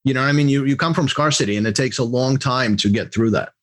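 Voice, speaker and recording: Answering questions on a podcast, a middle-aged executive coach who grew up in Russia talks in a mid-range voice. His manner is casual and halting, broken up by animated bursts.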